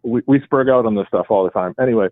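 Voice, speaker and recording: On a dry phone line, a man with a Boston accent talks to a radio show at length, rambling and leaning on his points. His voice is lowish and quick, with no echo. He's at home beside his wife, using speakerphone before picking up the handset.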